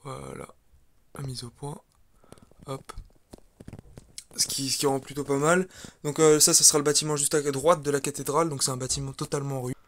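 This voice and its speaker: A man talks through his brick model project in a loose, unhurried way, pausing often and restarting sentences as he films. His pitch sits in an ordinary middle range. He sounds like someone showing friends around his hobby table. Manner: relaxed, hesitant with frequent fillers and restarts. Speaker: video creator presenting his model build. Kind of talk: casual walkthrough commentary.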